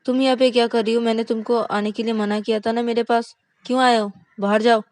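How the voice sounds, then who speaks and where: A woman voicing a furious, bossy young wife in a narrated story, scolding in shrill outbursts. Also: flat delivery, brisk, darkish tone, no room sound, lightly acted.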